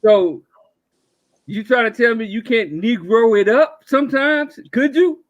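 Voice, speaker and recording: A man's voice: extremely high pitch, measured pace, dry recording, muffled recording. A man in his forties in a casual podcast chat, asking probing, teasing questions. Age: 40s.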